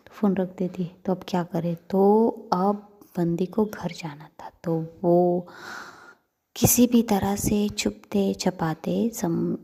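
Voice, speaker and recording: A woman's voice: on the low side, steady tone, slow, vocal fry, mellow, breathy edge. A young woman narrating a story casually, chatty with many fillers, talking to her listeners.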